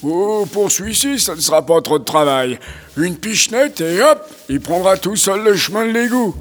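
A man's voice: high voice, lively intonation, moderate pace, in a large hall, soft background music, pitched above the performer's own voice. A man putting on a voice to play a grumbling, offhand street sweeper in a storybook. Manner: muttering, offhand.

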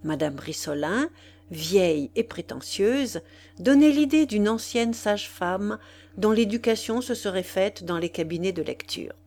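A woman narrating a classic novel in a measured, expressive reading. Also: medium pitch. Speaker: audiobook narrator. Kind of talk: scripted literary narration.

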